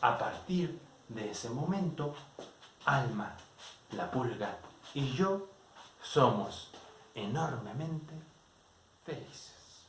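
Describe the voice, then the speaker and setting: A man telling a children's story in a slow, playful, expressive way. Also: mid-range voice, echoey room, a little hiss or hum.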